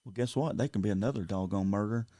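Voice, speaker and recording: A Southern US man running for sheriff talks quickly in a fairly low, mellow voice during a casual local TV studio interview, earnestly repeating words as he builds his points. The studio sound is clean, with no room sound.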